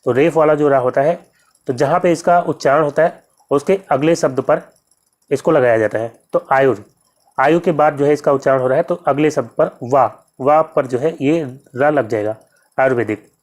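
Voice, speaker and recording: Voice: medium pitch, darkish tone. Patient teacher working through quiz questions. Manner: reads questions and options aloud, then explains the answer step by step; repeats key terms slowly for emphasis. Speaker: exam-prep teacher. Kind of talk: exam-prep lesson.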